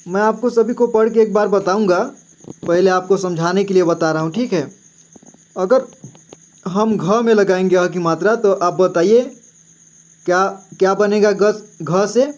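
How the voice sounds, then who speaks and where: Guy teaching a lesson, high voice, talks real slow, repeats stuff a lot, crickets chirping in the back. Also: a little mellow. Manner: patient, repeats syllables and says "ठीक है" often. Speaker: Hindi teacher.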